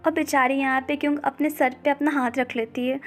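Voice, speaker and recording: A woman's voice: sits high, level tone, fairly quick, faint music behind. A woman narrating a manga story recap in a conversational way.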